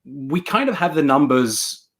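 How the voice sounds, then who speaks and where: A native Swedish speaker from Sweden, a man in his thirties, talks earnestly as a coaching guest in a casual video-call interview from a bright room at home. He repeats words as he thinks. His voice is on the high side, expressive, slightly bright, and unhurried.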